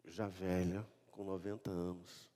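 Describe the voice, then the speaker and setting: A man with a Brazilian Portuguese accent preaching a sermon as a pastor. He reads scripture loudly, then tells the story in a casual, joking tone. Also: low-pitched, little pitch movement, measured pace. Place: church sanctuary. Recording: long church reverb.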